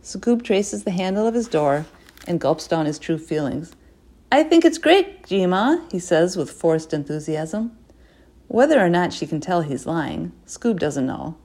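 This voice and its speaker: A woman's voice: sits low, expressive, a little slow, warm tone. Woman reading a story aloud. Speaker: narrator. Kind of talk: audiobook reading.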